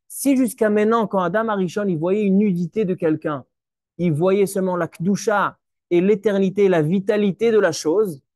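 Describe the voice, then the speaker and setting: A man's voice: high-pitched, a little mellow, dry recording, studio quality. A man, a rabbi giving a Torah lesson, who explains step by step, asks and answers his own questions, and mixes Hebrew terms into his talk. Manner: repeats words while searching for them.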